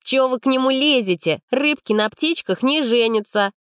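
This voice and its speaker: A woman reading an audiobook, voicing a cynical, sharp-tongued young female student with a scornful, mocking tone. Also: high voice, moderate pace, dry recording, clean studio sound, voice pushed up.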